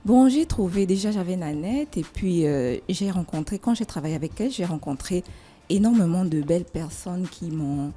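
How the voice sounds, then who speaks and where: A suave, soft-spoken woman with a slightly low, very mellow voice. She answers interview questions gently and hesitantly, keeping her volume down. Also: animated, normal speed. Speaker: singer-songwriter being interviewed. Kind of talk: live radio interview, unscripted answers.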